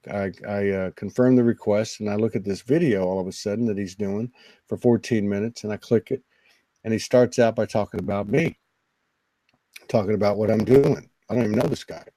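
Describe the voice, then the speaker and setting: A man, a guest on a spiritual talk show, telling a personal story in an earnest, emotional, halting way. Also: fairly low pitch, steady tone, dark tone, no room sound, poor audio. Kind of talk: personal storytelling in casual conversation.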